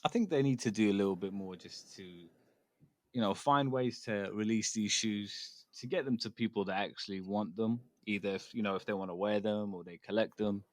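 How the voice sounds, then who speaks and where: A man's voice: fairly low pitch, normal speed, a little mellow, no room sound. A man co-hosting a casual podcast, from the UK, talking in a rambling, hedging way full of fillers. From United Kingdom. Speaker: podcast co-host. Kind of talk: casual chat.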